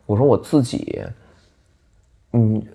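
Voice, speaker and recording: A man's voice: fairly low pitch, slow, warm tone. A man, a bar owner guesting on a podcast, talking candidly in casual chat. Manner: candid, colloquial, trails off and restarts.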